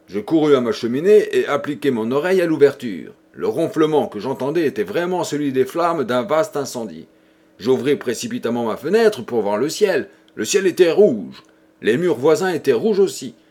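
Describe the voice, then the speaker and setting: A man reading an audiobook, voicing a brooding, guilt-ridden man who gravely confesses a crime. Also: fairly high pitch, darkish tone. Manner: somber, grave.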